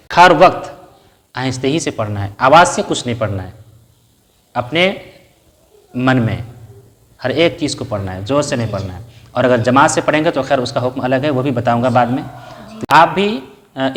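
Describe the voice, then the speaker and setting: A man's voice: medium pitch, fairly bright tone. A man giving a step-by-step lesson in a patient teaching manner, asking questions and answering them himself and reciting short Arabic prayer phrases. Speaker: religious teacher.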